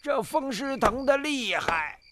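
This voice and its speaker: A man's voice: very high voice, animated, slow pace, exaggerated voice. An actor playing a groaning, demanding old man with an aching back, whining and wheedling in a dubbed film. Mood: wheedling, moaning. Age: older. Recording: noisy film audio with clicks.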